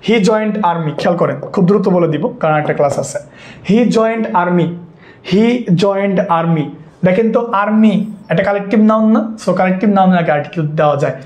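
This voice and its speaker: A fast-talking man whose high, darkish voice sounds echoey and muffled teaches English grammar for an exam course online. His accent is Bangladeshi Bengali, and he repeats points while checking that students follow.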